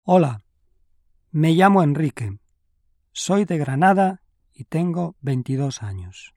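A man playing a friendly twenty-two-year-old in a scripted language-exam dialogue, speaking slowly and clearly. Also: a little high, very animated, a little mellow, no echo, clean studio sound, full character voice. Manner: slow, clearly spaced delivery.

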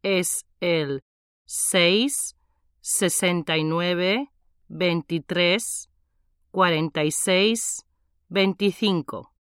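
A woman's voice: lowish voice, extremely slow, a bit bright, clean tone, dry recording, studio quality. A woman playing a cheerful nineteen-year-old in a scripted language-exam dialogue, carefully enunciating. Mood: casual.

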